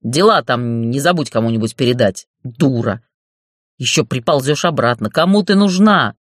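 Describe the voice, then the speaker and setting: In this audiobook, a narrator plays a crude, foul-mouthed middle-aged boss who bullies, swears and mocks with angry force. The voice sits at medium pitch with lively intonation and a moderate pace. It's lightly acted and recorded cleanly in a studio with no echo.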